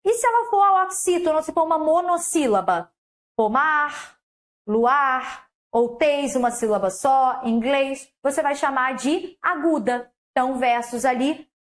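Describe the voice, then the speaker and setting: A woman's voice: high voice, lively intonation, measured pace. A woman teaching a lesson on verse, explaining step by step and asking the viewer questions, on a clip-on mic. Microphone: clip-on mic on her collar.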